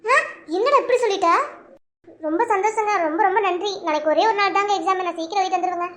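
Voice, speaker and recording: Anxious pleading young wife in a cartoon, voiced by a woman, very high voice, fast talk. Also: fairly bright tone. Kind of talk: cartoon voice acting.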